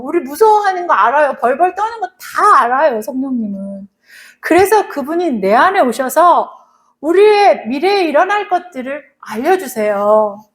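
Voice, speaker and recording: A woman pastor preaching a sermon, earnestly repeating her points and calling on the congregation to answer. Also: sits high. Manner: asks the congregation for responses. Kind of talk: leads closing prayer.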